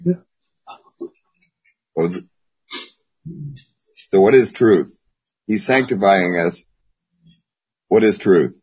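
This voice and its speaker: A Bible class teacher who is hoarse and losing his voice speaks in a very low, husky tone. He rambles with many pauses, and the call audio is dull and lo-fi.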